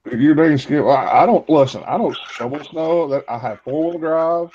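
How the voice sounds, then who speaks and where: A man's voice: fairly high pitch, moderate pace, darkish tone, slight background noise. A man joining a live stream as a guest, teasing and joking with stammered starts. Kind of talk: casual chat. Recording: dull lo-fi call audio.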